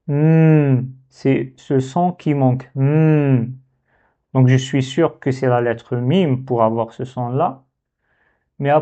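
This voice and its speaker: A man teaching a lesson on Arabic letters, slowly thinking aloud as he works through a dictation exercise. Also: fairly high pitch, warm tone. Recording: dull lo-fi sound.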